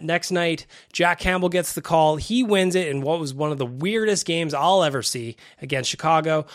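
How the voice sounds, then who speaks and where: A male podcast host with a fairly high voice talks casually and informally about sports. He sounds a little nasal and phlegmy from congestion, and he leans on repeated phrases for emphasis. The sound is close and dry, from a small home studio. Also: fairly bright tone, dry recording. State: mildly congested with a cold-like illness.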